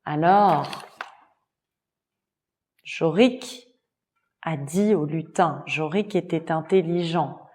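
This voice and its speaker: A woman's voice: deep voice, very slow, pauses often, a little mellow. A woman telling a story for language learners, repeating and rephrasing each simple phrase. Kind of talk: slow story narration for learners.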